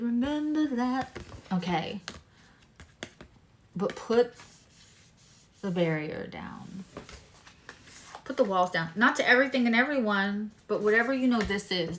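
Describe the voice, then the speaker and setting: This live-stream tarot reader speaks at a medium pitch, animated, with a little hiss or hum in the audio. Her reading is casual and unhurried, wandering from card to card and into side comments, and a swollen tongue slightly impedes her words.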